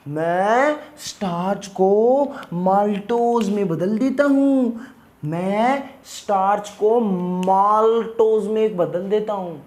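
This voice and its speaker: A male teacher voicing a male digestive enzyme who introduces himself in the first person, boasting in a friendly way and repeating his lines. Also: high-pitched.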